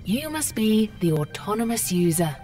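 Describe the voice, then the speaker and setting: A woman's voice: mid-range voice, sing-song, normal speed, warm tone, soft background music, close to an everyday voice. A woman voicing a bored, sarcastic female computer program guide in a video game, talking down to the user. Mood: condescending. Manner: sarcastic, condescending. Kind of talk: video game character dialogue.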